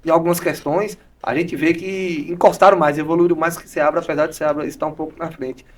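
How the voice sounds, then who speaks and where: A man hosts a podcast interview at a quick clip, his voice a little high and a bit off-mic. He asks questions and chimes in with frequent agreement. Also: steady tone, far from the mic. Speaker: podcast host.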